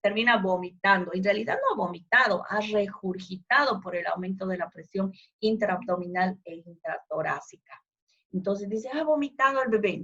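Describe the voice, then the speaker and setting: A woman's voice: mid-range voice, fairly bright tone, slightly rough. A woman giving a medical lecture, explaining patiently, repeating phrases and checking that students follow. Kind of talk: recorded university lecture. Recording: dull lo-fi lecture recording.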